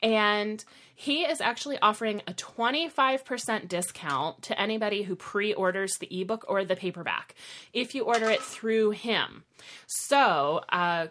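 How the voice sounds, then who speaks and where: A woman's voice: mid-range voice, pushed and bright. Giggly, chatty woman podcast host. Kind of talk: casual chat.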